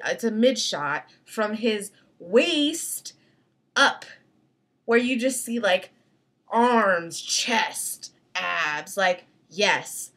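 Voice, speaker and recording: A young adult woman chatting casually as a video blogger, giving opinions in a slangy, emphatic, animated way with exasperated emphasis. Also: fairly high pitch. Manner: animated, acts out mock quotes. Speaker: video blogger reviewing film clips. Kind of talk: casual opinionated vlog chat.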